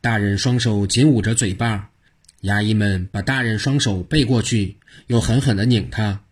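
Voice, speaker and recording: A man's voice: fairly low pitch, moderate pace, slightly rough. A man narrating a traditional tale in short, rhythmic phrases. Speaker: storyteller.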